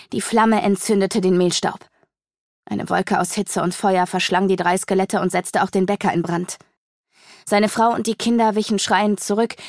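A woman reads a dark fantasy audiobook in a measured, storytelling manner, easing off the pace when the tension builds. Her mid-range voice carries a gravelly fry. The recording is dry and close, with no room sound. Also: mid-range voice, no room sound. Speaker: audiobook narrator. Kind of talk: dramatic fantasy audiobook reading.

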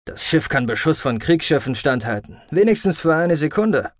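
A gruff middle-aged starship pilot barks curt replies, as a male narrator voices him. His voice sits mid-range with a growl. It is recorded dry and close. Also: a little high, big pitch swings, normal speed, dry recording, voice pushed up.

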